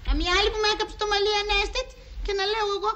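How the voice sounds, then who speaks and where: A gossipy village wife who grumbles and gripes about the neighbours' kids, in a very high voice. There is faint background noise. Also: female voice, steady tone, bright, forceful tone. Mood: grumbling. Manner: complaining, gossipy.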